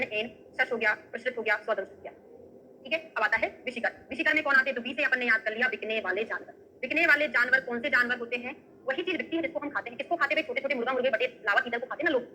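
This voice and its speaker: Fast, bright-voiced woman teaching. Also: on the high side, a little hiss or hum, poor audio. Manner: asks students questions and checks with "है ना?"; memory tricks and everyday examples. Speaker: Ayurveda teacher. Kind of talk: online exam-prep lecture.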